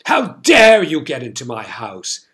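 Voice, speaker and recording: A man's voice: mid-range voice, lively intonation. A man voicing a drunk, brutish duke who roars and cackles with scorn. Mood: outraged. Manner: roaring, cackling, slow and loud.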